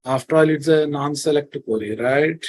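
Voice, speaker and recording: A man's voice: a little high, moderate pace, darkish tone, no echo. A man with a Telugu Indian accent teaching a live coding lesson, repeating his phrases and often checking in with his students. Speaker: programming teacher.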